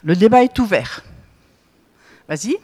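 A woman's voice: medium pitch, animated, unhurried, darkish tone, husky. A woman leading a group Bible study, quizzing listeners and tagging her points with little questions. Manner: asks the group questions, frequent tag "hein?" and "hmm?". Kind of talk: interactive Bible teaching. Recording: long reverb in a hall.

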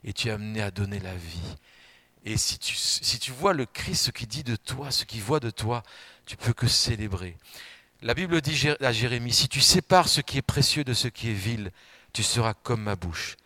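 A man preaching a sermon, swinging between loud emphatic outbursts and quiet asides and putting questions straight to the congregation. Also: mid-range voice, lively intonation, normal speed, no room sound. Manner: addresses the congregation directly with questions.

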